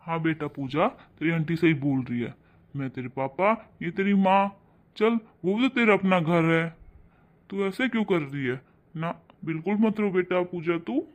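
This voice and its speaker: A man voicing a kindly, gentle uncle in a cartoon, slow and reassuring. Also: fairly high pitch, natural voice. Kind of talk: cartoon voice acting.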